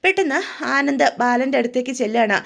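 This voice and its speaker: Woman storyteller, casual retelling, chatty asides, high-pitched. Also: lively intonation, a little fast, creaky. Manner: chatty, friendly asides to listeners.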